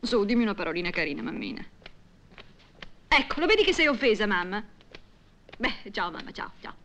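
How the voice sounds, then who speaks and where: An actress playing a gossipy young wife chattering on the phone to her mother in a 1960s film, quick to take offence. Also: medium pitch, very animated, a bit bright, a little hiss or hum. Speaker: housewife on the phone. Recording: 1960s film soundtrack with music behind.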